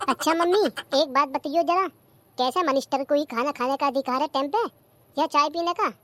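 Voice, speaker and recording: A man's voice: very high-pitched, brisk, pushed and bright, dry recording. A performer voicing an idle, demanding young husband and son in a cartoon comedy, whining about his tea and meals. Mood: complaining. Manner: demanding, whiny complaints about timing.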